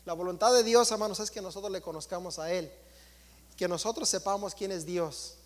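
A man's voice: sits high, fairly quick, in a large hall. A man preaching a sermon in church, emphatic and repetitive, often turning to address the congregation directly.

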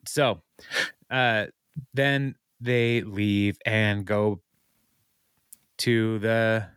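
A man's voice: fairly low pitch, fairly even intonation, very slow, fairly bright tone, clear, resonant tone, no room sound, clean studio sound. A man hosting a podcast, casually recapping a TV episode with frequent laughs and filler words. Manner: laughs often, many ums and uhs. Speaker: podcast host.

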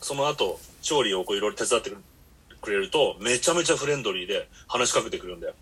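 A man's voice: on the low side, animated, fast talker, fairly bright tone, breathy edge. A man hosting a podcast, telling long rambling stories in blunt casual chat. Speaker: podcast host.

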